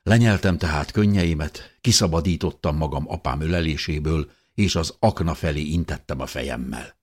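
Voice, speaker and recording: A man reading a first-person audiobook in a steady, measured way. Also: very deep voice. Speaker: audiobook narrator.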